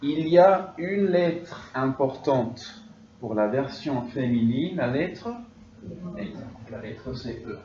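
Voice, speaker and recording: Unhurried male teacher in an echoey classroom. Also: medium pitch, animated, mellow, distant mic. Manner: drills students, checks with frequent "d'accord?". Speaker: French teacher. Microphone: distant room mic. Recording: dull, echoey, noisy classroom recording from afar.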